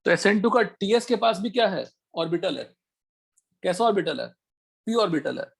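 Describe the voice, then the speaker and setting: Man, teacher, high-pitched, husky, online lesson, quick questions to students. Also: lively intonation. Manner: quizzing students with rapid questions. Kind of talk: online chemistry class, Hindi mixed with English.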